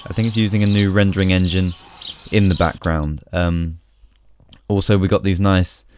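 Deep-voiced man giving a casual tutorial. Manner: relaxed, chatty, with frequent ums. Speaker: software tutorial host. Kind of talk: casual screen-recorded tutorial.

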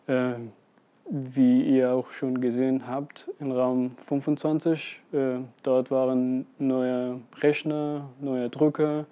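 A man's voice: mid-range voice, warm tone. A young man from Afghanistan, an IT trainee, talking plainly and carefully to the camera in an office, with frequent hesitations. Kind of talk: scripted interview to camera. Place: small office with desks and computers.

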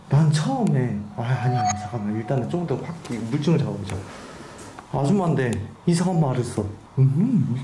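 A jumpy man hosting a ghost hunt inside an abandoned house, calling out to spirits. His voice rises and falls a lot, and the empty rooms echo around him. Loud background noise hangs under everything. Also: medium pitch. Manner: excitable, jumpy, talks to spirits aloud. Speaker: ghost hunting channel host. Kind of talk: ghost hunting vlog. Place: abandoned two-story house, indoors.

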